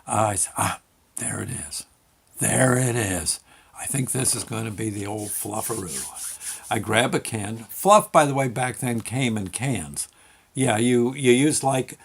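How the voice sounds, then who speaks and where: An older man telling a rambling childhood story as host, halting and full of fillers. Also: mid-range voice. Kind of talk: casual anecdote storytelling.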